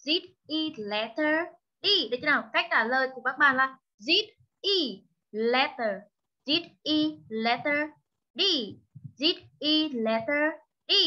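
A high-pitched woman with a Vietnamese accent leads an online English lesson for young learners. She drills each vocabulary word slowly, repeating it many times and moving between English and Vietnamese. Her voice comes through slightly muffled call audio.

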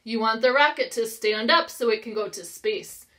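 At a moderate pace, an American preschool teacher in her thirties reads to young children in a fairly high, fairly bright voice. The lesson is interactive, with simple phrasing, encouragement, and questions for the kids.

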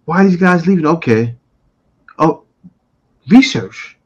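Speaking slowly in a higher voice with a breathy edge, a forties-aged man reacts to clips on his show, animated and blunt as he answers them back. He's close to a studio mic in a small room, yet the recording comes out muffled.

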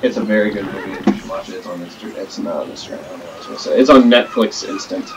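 A man's voice: lowish voice, rapid-fire. A young man with a scratchy voice from being sick, rambling and joking as he hosts a casual game stream. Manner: rambling, jokey, bursts of excitement. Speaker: gaming channel host. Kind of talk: casual let's-play chat. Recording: distant mic with loud music behind.

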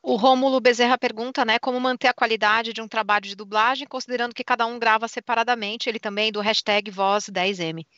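A woman's voice: fairly high pitch, fairly even intonation, quick pace, hardly any pauses, fairly bright tone, no echo, highs cut off. A woman hosting a live interview, enthusiastic and reading out viewer questions. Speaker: live stream host. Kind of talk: casual interview chat.

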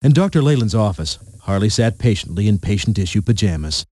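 A man's voice: on the low side, big pitch swings, fairly quick, a little mellow, no room sound, clean studio sound. A man narrating a storybook game in a playful, punning storyteller manner.

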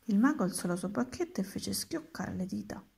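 A woman reading a children's storybook aloud in a calm, even narration. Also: mid-range voice, fairly quick, vocal fry, breathy edge. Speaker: reader.

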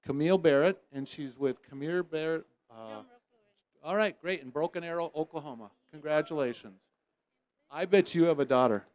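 A man's voice: fairly high pitch, moderate pace. A man hosting a prize giveaway at a trade show lounge, teasing winners and joking in a playful emcee patter. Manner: teasing, playful, loud bursts of excitement. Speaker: host drawing prize winners.

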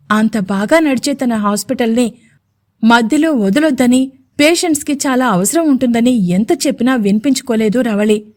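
A woman radio jockey narrates a romance audio story in a scripted, expressive way. Her voice sits on the high side and she leans into the emotion.

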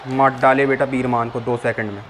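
A man's voice: medium pitch, little pitch movement, a little fast, a bit bright. A man giving casual, rowdy commentary on a wrestling video game, mocking the wrestlers and the referee as he plays. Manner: rowdy trash-talking, mocks the figures on screen. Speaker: gameplay commentator. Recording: game crowd roar and game noise behind. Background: wrestling game crowd and sound effects.

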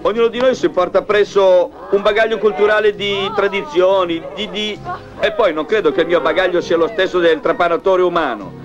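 Actor as high-pitched, pompous middle-aged factory owner. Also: male voice, brisk, close to an everyday voice. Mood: indignant, flustered. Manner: rambling, stammering hesitations. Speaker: film actor. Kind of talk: 1970s Italian film comedy acting. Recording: dull old film soundtrack with music.

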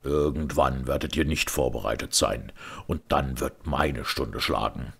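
A man voicing a menacing medieval monk who speaks in a growling baritone with scornful, hissed threats. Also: measured pace, gravelly, fairly bright tone, slightly rough, exaggerated voice.

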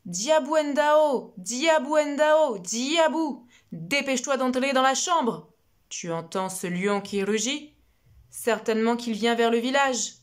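A woman voicing a worried mother who calls her daughter with long, drawn-out cries. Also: high-pitched, expressive, voice pushed up. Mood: urgent. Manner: drawn-out anxious calling.

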